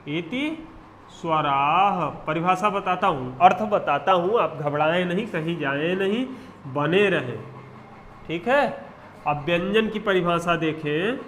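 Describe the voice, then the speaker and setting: In an exam-prep lecture, a male teacher with a high, unhurried, somewhat bright voice asks questions and answers them himself, spelling out definitions word by word as he drills terms. The sound is reverberant, with a little hiss or hum.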